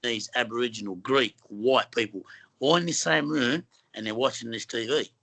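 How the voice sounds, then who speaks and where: In a casual interview, a middle-aged film actor from Western Sydney, Australia, rambles earnestly, restarting often and leaning on fillers. He speaks at normal speed in a mid-range voice that sounds pushed and bright.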